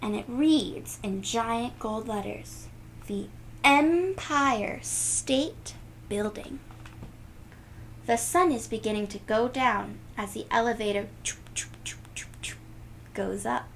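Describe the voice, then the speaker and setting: This rough recording, carrying a little hiss or hum, features a woman whose voice is slightly high and gravelly. As a children's read-aloud host, she reads a storybook expressively, drawing words out emphatically, gasping, making sound effects and talking to the kids.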